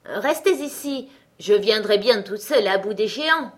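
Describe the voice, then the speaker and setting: A woman's voice: mid-range voice, lively intonation, unhurried, natural voice. Woman doing a boastful little tailor. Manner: cocky, swaggering bragging.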